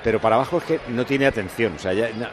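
A man's voice: medium pitch, fast. A man with a Spanish accent from Spain hosting live football radio in a casual, chatty style. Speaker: sports radio host. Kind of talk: casual live match chat. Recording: noisy stadium broadcast. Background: ambient noise.

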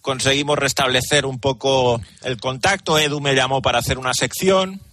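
A man being interviewed on radio as a sports commentator, speaking in a measured way with frequent restarts. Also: medium pitch, steady tone, sharp tone, dry recording, studio quality.

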